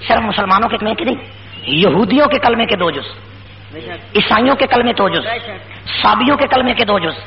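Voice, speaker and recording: A man giving an impassioned rally speech at a public gathering, full of repetition, shouted rhetorical questions and call-and-response. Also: sits high, gravelly, long pauses. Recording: lo-fi with faint hum.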